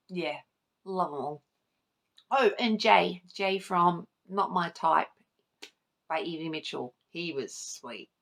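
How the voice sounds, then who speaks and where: In this informal book tag video, the channel host talks to camera, cursing casually and raving about what she loves. She has a low, creaky voice that's a bit bright.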